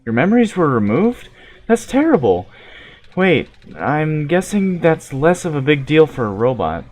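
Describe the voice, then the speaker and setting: A naive young child hero from a video game, voiced by a man, raised in pitch. The character is kind, curious and earnest, with casual, inquisitive phrasing. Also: very animated, unhurried, a little mellow, a little hiss or hum. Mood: curious, concerned.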